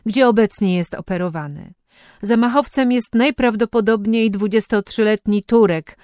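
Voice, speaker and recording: A woman's voice: medium pitch, darkish tone, smooth, dry recording, studio quality, voice pushed up, lightly acted. Woman doing a formal radio newsreader. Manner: formal news delivery. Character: radio news announcer, formal and even.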